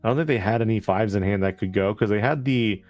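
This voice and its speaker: A man co-casting a card game tournament live, calmly breaking down the plays. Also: on the low side, fast talker, no room sound, faint music behind. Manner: calm, explanatory, breaks down plays. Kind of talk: live color commentary.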